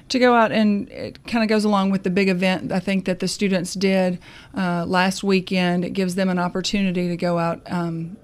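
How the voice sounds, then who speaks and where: A woman with a low voice talks as a radio guest from the university staff. She speaks in a friendly, halting way, filling her pauses with ums and uhs. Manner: hesitant, many fillers, friendly. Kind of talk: casual interview chat.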